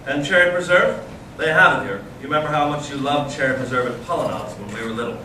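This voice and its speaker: Performing in a readers theater reading, a man takes on the role of a bitter young Russian intellectual brother, intense, searching and provocative. His mid-range voice is animated and sharp, yet deliberate and earnest with dramatic pauses, carrying a warm, nostalgic mood. The amateur recording is very echoey and noisy, captured from a distance with clear background noise.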